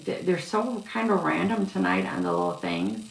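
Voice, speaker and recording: Gravelly-voiced woman doing live psychic readings. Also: lowish voice, wildly swooping pitch. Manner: halting, filler-heavy, yawning. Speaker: psychic reader on live stream. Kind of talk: casual live-stream reading. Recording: echoey room with faint noise.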